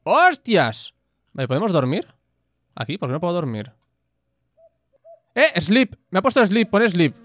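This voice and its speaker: A man from commentating his own gameplay, excitable and swearing often, shouting at the screen. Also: high-pitched, a little slow, long pauses, dry recording.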